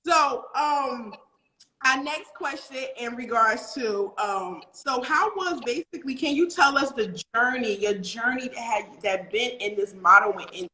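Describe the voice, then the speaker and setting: Bright excitable woman host, echoey room. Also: on the high side, a little slow. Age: late 30s. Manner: excitable, rambling, laughs often. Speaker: talk show host. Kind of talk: casual interview chat.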